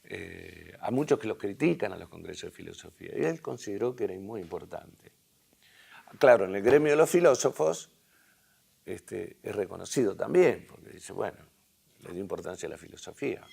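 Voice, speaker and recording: A hoarse man with an Argentine accent lecturing a university class, halting and restarting as he thinks aloud, with tag questions. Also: low voice, expressive, darkish tone. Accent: Argentine Spanish.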